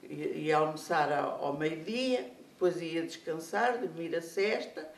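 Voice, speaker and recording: An older speaker with a European Portuguese accent, slowly recalling family memories with many restarts. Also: mid-range voice, creaky. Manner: slow, halting recollection with many restarts. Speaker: senior storyteller. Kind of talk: life story told aloud. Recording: echoey room, speaker far from mic.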